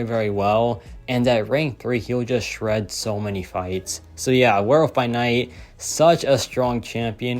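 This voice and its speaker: A man's voice: mid-range voice, darkish tone. Chatty young man hyping game picks. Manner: enthusiastic, heavy use of "like" and "so yeah". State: losing his voice. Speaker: gaming content creator. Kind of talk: casual game commentary.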